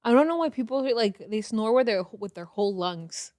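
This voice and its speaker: A woman co-hosting a podcast in casual chat, animated and quick to laugh, swearing freely. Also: fairly high pitch, dry recording, studio quality. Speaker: podcast co-host.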